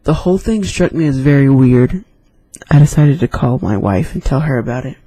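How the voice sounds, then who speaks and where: A man's voice: mid-range voice, animated, moderate pace, mellow, slightly rough, no echo. A man casually reading scary stories aloud, with chatty, rambling asides between them. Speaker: YouTube storyteller.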